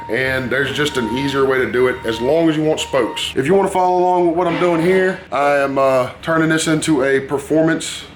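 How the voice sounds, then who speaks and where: A man with a folksy Southern hillbilly drawl talks at length in a casual how-to manner. He rambles along at a middling pitch. The recording has some background noise from the workshop around him. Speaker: motorcycle painter and builder presenting a how-to. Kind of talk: casual hands-on tutorial talk. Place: dingy workshop. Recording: noisy workshop ambience.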